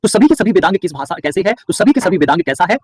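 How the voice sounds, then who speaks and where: Fast, husky male teacher. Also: high-pitched, lively intonation, dry recording. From Bihar. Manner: asks a question and answers it himself, repeating key words. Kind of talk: online exam-prep class lecture.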